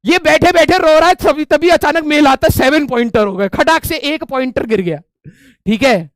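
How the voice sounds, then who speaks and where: A young man with a strikingly high voice tells a story to his viewers in a casual, animated way. He keeps dropping "ठीक है" between lines. The sound is dry and close, with no room echo. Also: moderate pace. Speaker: streamer telling a story.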